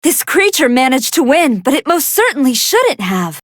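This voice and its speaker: A woman voicing a polite, soft-hearted female android scientist who gives formal, earnest and expressive commentary on fights in a video game. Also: high voice, moderate pace, dry recording, clean studio sound. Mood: composed, curious. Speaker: match commentator.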